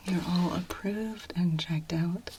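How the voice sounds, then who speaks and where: Woman, whispered role-play, gentle medical examiner, low-pitched, soft, procedural, reassuring, faint noisy ambience. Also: slow. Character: gentle, reassuring female clinic examiner and massage specialist. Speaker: ASMR performer playing a clinician.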